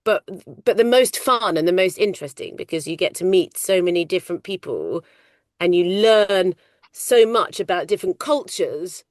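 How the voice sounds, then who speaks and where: A middle-aged woman working in film casting, talking loudly and animatedly in a casual interview. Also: lowish voice, moderate pace, dry recording, clean studio sound. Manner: loud, animated, chatty storyteller. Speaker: ADR casting coordinator.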